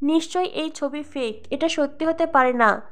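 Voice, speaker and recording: A woman reading the lines of a proud middle-aged mother who speaks in an insistent, forceful way. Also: sits high, normal speed. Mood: furious.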